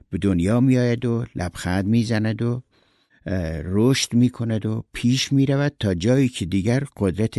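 Give me a man reading as a blunt, lecturing friend with a gravelly voice. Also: low-pitched, darkish tone, dry recording, clean studio sound. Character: blunt, philosophical male friend.

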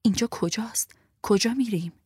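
A woman's voice: medium pitch, darkish tone, husky, no room sound, studio quality, voice pushed up. A woman reading an audiobook voices a desperate young woman prisoner who pleads urgently for help for her friend. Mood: anxious. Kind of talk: audiobook character voice.

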